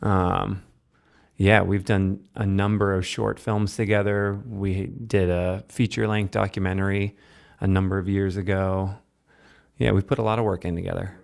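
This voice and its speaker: A man from Massachusetts, a filmmaker guest, answering in a measured, thoughtful way. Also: low-pitched, little pitch movement, vocal fry. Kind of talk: casual interview.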